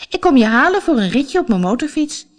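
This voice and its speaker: A woman's voice: sits high, sing-song, a little fast, pitched above the performer's own voice. A woman reading a storybook, voicing a cheerful, adventurous young girl who rides a motorcycle. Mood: friendly.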